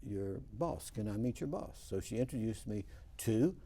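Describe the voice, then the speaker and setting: A man hosts a studio interview program, spinning folksy stories. His voice is dark and mellow, with gravelly fry and a husky edge. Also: on the low side, lively intonation, moderate pace. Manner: folksy storytelling. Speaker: host.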